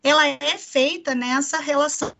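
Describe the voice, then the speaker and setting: Brazilian woman, psychoanalysis lecturer, patient and explanatory, voice a little high. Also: fairly even intonation, normal speed, vocal fry, bright, forceful tone. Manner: explanatory, frequent tag questions "né". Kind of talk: online lecture.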